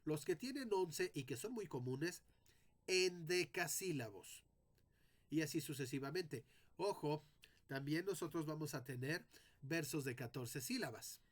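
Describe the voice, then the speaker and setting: Man slowly teaching poetic meter. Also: fairly high pitch, expressive. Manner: slow, deliberate, sounding out syllables one by one; addresses students directly. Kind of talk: spoken lesson on poetic meter.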